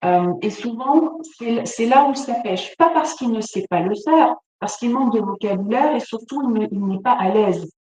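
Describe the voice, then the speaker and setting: A woman's voice: on the high side, lively intonation, normal speed, hardly any pauses, dark tone. A woman presenting a webinar, speaking spontaneously with many fillers and restarts. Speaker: webinar presenter, business facilitator. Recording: distant mic in echoey room, faint noise.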